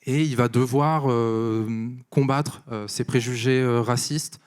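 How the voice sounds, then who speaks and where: A man co-moderating a festival panel, summing up a novel in a measured, slightly halting way. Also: mid-range voice, fairly even intonation, a little mellow, clear, resonant tone. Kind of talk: live festival panel introduction.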